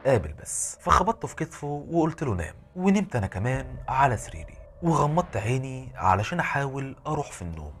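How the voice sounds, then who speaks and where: Egyptian Arabic horror narrator, a man, quick delivery with a lively, swinging pitch. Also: slight background noise. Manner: fast, animated storytelling. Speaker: horror storyteller.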